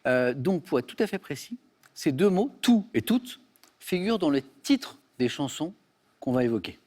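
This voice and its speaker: Brisk, fairly high-voiced male quiz host. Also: very animated, darkish tone. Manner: brisk, reads questions crisply. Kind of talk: game show hosting. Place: television studio.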